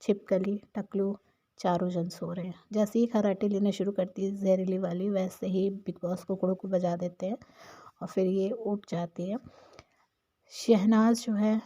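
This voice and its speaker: A woman's voice: medium pitch, warm tone, highs cut off. A woman narrating a casual, opinionated recap of a TV show episode in a chatty storytelling manner.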